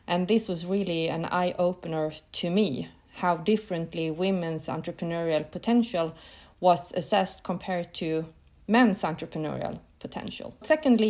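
Fairly low in pitch and darkish in tone, this woman speaks as the interviewed guest on a podcast, a professor of entrepreneurship. She is a Swedish native speaker in her fifties from northern Sweden whose answers are careful, earnest and lightly non-native in phrasing.

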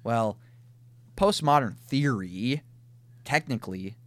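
A man with a Minnesota accent talks through his ideas on a casual podcast at a middling pitch. He lays out his points in lists and often restarts as he thinks aloud. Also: expressive, slow, fairly bright tone, no room sound. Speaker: podcast co-host. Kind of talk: casual conversational podcast discussion.

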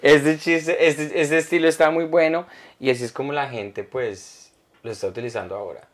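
His voice is a little high and his pace moderate. This podcast co-host keeps the comedy chat casual, telling stories with energy, mimicking others, and sharing fan comments.

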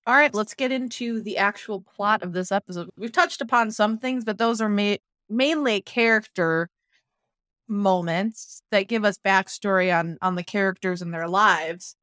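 A woman co-hosting a casual TV recap, briskly steering the talk and retelling scenes. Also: mid-range voice, a bit bright, smooth, no echo, studio quality. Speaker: podcast co-host.

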